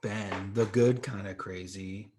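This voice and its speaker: A man's voice: lowish voice, fairly even intonation, takes it slowly, noisy background. A man co-hosting a comic book podcast, talking casually and acting out the panels with sound effects. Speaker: podcast co-host.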